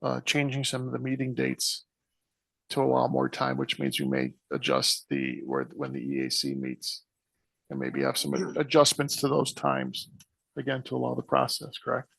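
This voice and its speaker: A man's voice: medium pitch, big pitch swings, moderate pace, vocal fry, a bit bright, slightly rough, no room sound. A man serving as a township official, explaining plans at a meeting in a rambling way. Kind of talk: meeting discussion.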